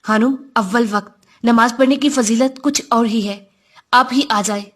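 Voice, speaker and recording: A woman's voice: a little high, steady tone, natural voice. A woman voicing a devout, reserved young man who speaks formally and politely, read in her own voice. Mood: courteous. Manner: formal and courteous.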